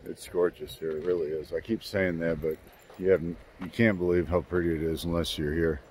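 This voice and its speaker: Talking into a handheld phone at arm's length, a vlogger in his sixties rambles folksily while camped in the mountains next to a creek. His voice is low-pitched and a little mellow, with a flat, brisk delivery. Faint sounds of the running stream come through in the recording.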